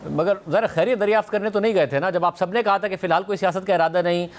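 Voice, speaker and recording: A man's voice: high-pitched, quick pace, slight background noise. A male news anchor with a Pakistani Urdu accent, asking a guest pointed questions and pressing him on his answers in a studio interview.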